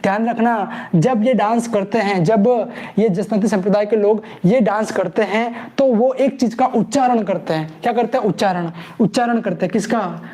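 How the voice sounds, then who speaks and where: A male teacher runs a live online exam-prep class, building mnemonic stories and quizzing his viewers in a call-and-response rhythm. His voice sits fairly high for a man, with a mellow, unforced tone. He repeats each key term again and again in a playful way.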